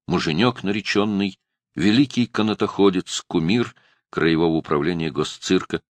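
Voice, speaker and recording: A man reads a novel aloud in an even storytelling manner. His voice is very low and deep. The recording is dry and close, with no room echo. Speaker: audiobook narrator. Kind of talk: scripted narration.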